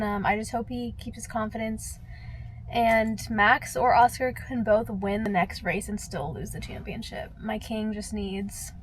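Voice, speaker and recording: A young woman with a high, bright-sitting voice talks straight to camera in a loose vlog ramble. She rants with plenty of fillers and curse words, dropping to low mutters then bursting out loud. A faint hum of ambience sits behind her. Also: low-quality recording. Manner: animated and ranting, swings from low mutters to loud outbursts; heavy filler use, frequent swearing. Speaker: vlogger. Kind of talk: casual chat to camera.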